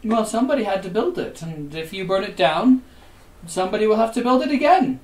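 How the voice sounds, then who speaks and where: A man voicing a smooth-talking male stranger in a tabletop game, with a drawn-out theatrical delivery. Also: sits high, sing-song, echoey room, recorded from a distance, voice pushed up. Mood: reproachful. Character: smooth-talking male NPC named Rashak.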